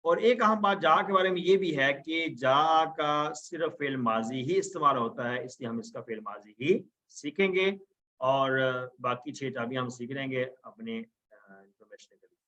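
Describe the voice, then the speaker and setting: A man teaching a recorded Arabic grammar lesson, chanting verb forms slowly and then explaining them. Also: mid-range voice, bright, forceful tone.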